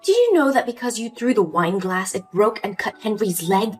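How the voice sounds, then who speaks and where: A woman's voice: medium pitch, sing-song, moderate pace, breathy edge. A woman voicing a cold, condescending older mother in a story drama, with faint music behind. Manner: cool, condescending.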